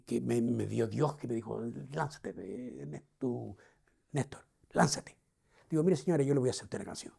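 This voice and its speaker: A man's voice: medium pitch, gravelly, slightly rough. A man with a Canarian accent playing a proud older Canarian man, telling his own life story straight to a touring audience. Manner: lively storyteller, addresses listeners directly. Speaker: actor on a theatrical walking tour. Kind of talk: theatrical first-person storytelling.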